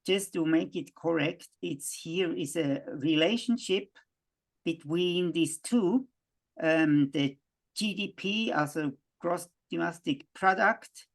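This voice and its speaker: Man, gravelly, halting lecture. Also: a little high. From Switzerland. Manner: halting, frequent restarts and fillers. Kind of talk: worldview lecture.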